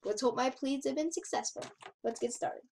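A woman's voice: high voice, moderate pace, a little mellow. A woman hosting a gaming channel, giving casual gameplay commentary, chatty and reading on-screen text aloud as she reacts to it.

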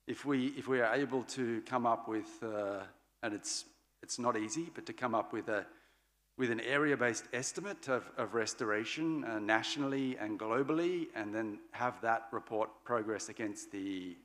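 A man's voice: medium pitch, normal speed, fairly bright tone. Man moderating at a podium, hall reverb. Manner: loose, searching phrasing with fillers and restarts. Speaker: panel moderator. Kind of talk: live panel wrap-up at a podium. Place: large conference stage hall. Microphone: podium mic.

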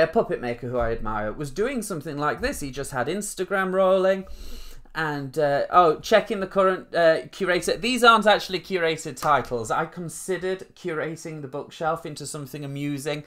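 A man's voice: medium pitch, a bit bright. Chatty self-mocking man from northern England. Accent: Northern English, Rotherham. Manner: chatty, self-deprecating, rambling. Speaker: performer hosting a live stream. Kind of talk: casual live-stream chat.

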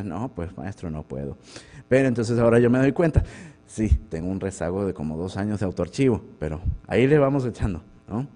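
A man, a professor, delivers a conference talk in a university lecture hall. His voice sits low and mellow. He talks in a loose, conversational way and keeps turning rhetorical questions back to the audience. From Venezuela.

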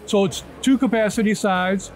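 On a large indoor trade show floor, a man in his fifties presents a product in an interview, his voice sitting high at a moderate pace. He explains step by step, checking in with the listener through "right?" and "okay?", while a music bed plays under the talk.

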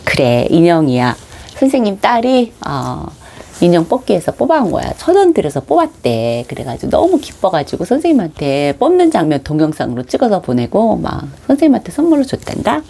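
A woman's voice: fairly low pitch, brisk, vocal fry. A middle-aged woman teaching a children's devotional as a Sunday school teacher, talking straight to the kids and acting out little quotes as she goes. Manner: animated, acts out quotes for children; speaks directly to kids, warm storytelling teacher tone.

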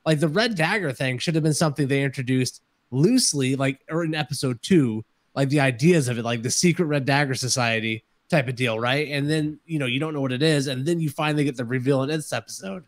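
A man's voice: mid-range voice, a little fast, dry recording. A man co-hosting a podcast, talking in an easygoing, casual way. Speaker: podcast co-host. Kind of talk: casual review chat.

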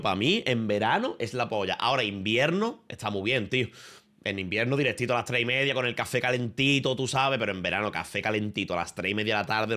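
A man's voice: medium pitch, pushed and bright. Profane, rambling Spanish streamer man. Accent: Spain Spanish. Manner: rambling, profane, slangy, talking to viewers and a friend. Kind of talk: casual livestream chat. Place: his room at home.

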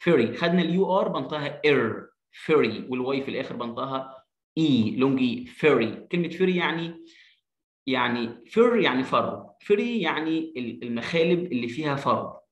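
Egyptian male English teacher, mid-pitched, sounds out words slowly, echoey room. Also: lively intonation. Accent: Egyptian Arabic. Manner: reads English slowly word by word, sounds out letters, quick asides in Arabic. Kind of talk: English reading lesson explained in Arabic.

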